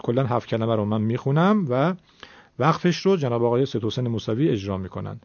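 A man's voice: medium pitch, expressive, a little mellow, no room sound, muffled recording. A man teaching Quran recitation in a recorded lesson, explaining rules patiently and drawing out example words to demonstrate them.

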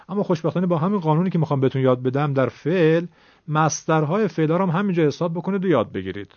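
A man's voice: fairly high pitch, darkish tone, dry recording. A man teaching Quran reading, explaining a rule step by step in a patient, reassuring way and repeating the key points. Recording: dull, dry lo-fi recording.

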